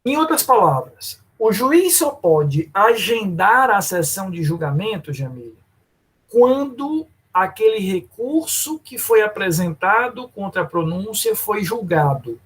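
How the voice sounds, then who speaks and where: A man's voice: sits high, big pitch swings, unhurried, fairly bright tone, slightly rough. A man teaching law in a lecture, explaining step by step and calling on students by name. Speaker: law professor. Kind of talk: live online lecture.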